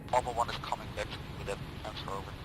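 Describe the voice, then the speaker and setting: A man's voice: on the low side, steady tone, rapid-fire. Man on noisy military radio, clipped calls. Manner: clipped, procedural phrasing. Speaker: ground radio operator in a military simulation game. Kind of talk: military radio procedure, briefing. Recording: noisy game radio with vehicle sound.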